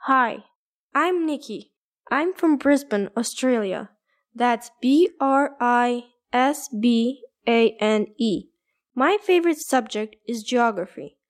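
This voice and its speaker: A woman playing an upbeat high-voiced teen girl. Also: lively intonation, slow. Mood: cheerful. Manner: bright, clear, careful. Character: upbeat teenage schoolgirl from Australia. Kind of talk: scripted textbook dialogue.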